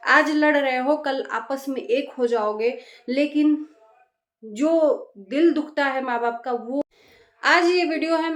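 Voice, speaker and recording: A woman's voice: high voice, reverberant. A woman vlogger giving a scolding, exasperated reaction monologue that repeats phrases for emphasis.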